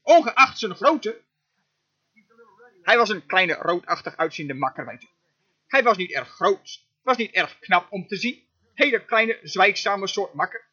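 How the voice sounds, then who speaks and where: Man, very high sharp voice, emphatic dubbed sermon interpreter, dull lo-fi audio. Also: lively intonation, a little slow, breathy edge. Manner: emphatic preaching, frequent amens.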